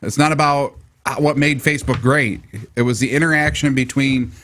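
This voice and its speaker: A man's voice: mid-range voice, steady tone, moderate pace, a bit bright, a little hiss or hum. A middle-aged man with a stuffy nose from allergies, hosting a casual live tech talk show from his basement studio and rambling with many fillers and restarts. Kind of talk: casual live radio-style chat.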